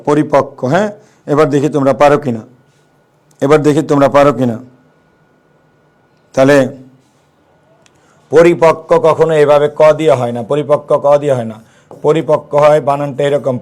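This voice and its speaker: A man's voice: mid-range voice, a little mellow. A young man teaching an exam-prep grammar lesson, repeating key phrases and quizzing his listeners.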